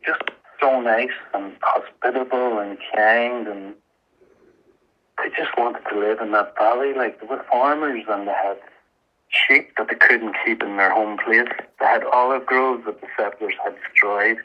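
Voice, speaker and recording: A man giving an earnest, halting, emotional personal account as a guest in a radio interview. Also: on the low side, steady tone. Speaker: interview guest, activist volunteer. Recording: muffled, band-limited radio interview sound.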